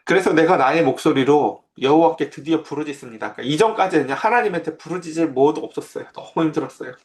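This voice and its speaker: A man's voice: a little high, fast. A man preaching a sermon as pastor, in a conversational way that keeps asking his listeners questions.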